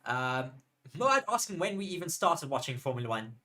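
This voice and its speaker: Male co-host for a live race stream, mid-pitched, chatty and excitable, jokes with the chat. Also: brisk. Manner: chatty, excitable, banters with viewers. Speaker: co-host and F1 commentator. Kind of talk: live race commentary watchalong.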